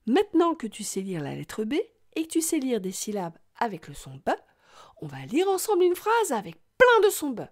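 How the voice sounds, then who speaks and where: A woman's voice: fairly high pitch, huge pitch swings. A woman giving a scripted reading lesson for young children, patient and sounding out each syllable with exaggerated care. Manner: slow, patient, sing-song, exaggerated pronunciation. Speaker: teacher.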